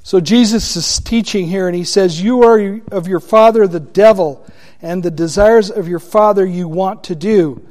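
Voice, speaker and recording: A man teaching a Bible study class, deliberate and asking his listeners questions. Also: high-pitched, a little mellow.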